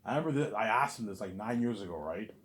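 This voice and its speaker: A vlogger with a lowish voice talks to camera fast and animatedly in a casual, rambling monologue. He's blunt and conversational, repeating and restarting words often and asking "you know what I'm saying".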